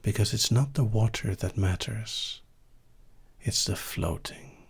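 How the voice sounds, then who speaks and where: A man leading a relaxation hypnosis induction in a soft, intimate voice right in your ear, soothing and often dropping to a whisper. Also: on the low side, gravelly, husky. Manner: slow, soothing, with long pauses. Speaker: hypnosis session host.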